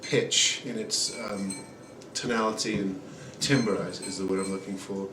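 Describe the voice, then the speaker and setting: Recorded by a camera mic some distance away in a small home room, the audio is roomy and noisy, with acoustic guitar in the background. The speaker, a man in his forties, gives a relaxed, rambling product review of a guitar, full of ums and uhs, his lowish voice moving a little slowly.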